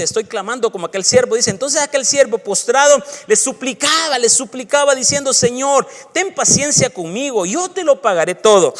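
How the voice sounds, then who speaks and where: High-voiced preaching pastor in a reverberant church. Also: male voice, a bit bright. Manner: preaching with Bible readings, rising to emphatic bursts. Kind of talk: sermon.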